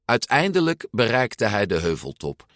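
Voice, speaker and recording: A man reads a children's storybook aloud, slow and expressive. His lowish voice swings through a lively melody, recorded dry and close to the mic. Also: dry recording. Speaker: storybook narrator. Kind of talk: storybook read-aloud narration.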